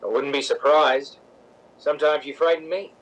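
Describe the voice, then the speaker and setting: A man's voice: a little high, steady tone, normal speed, fairly bright tone, a little hiss or hum, natural voice, low-quality recording. A man playing a weary, frank boyfriend who is firm and dryly pleading, in a radio drama. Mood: dry, placating. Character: weary, frank, loving boyfriend of a temperamental actress. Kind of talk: radio drama acting in 1950s style.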